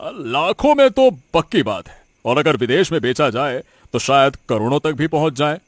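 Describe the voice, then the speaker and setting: A man's voice: on the high side, very animated, normal speed, no room sound, clean studio sound. A man voicing a greedy, scheming village headman who poaches wild animals, gloating and laughing often. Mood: boastful. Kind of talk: cartoon voice acting.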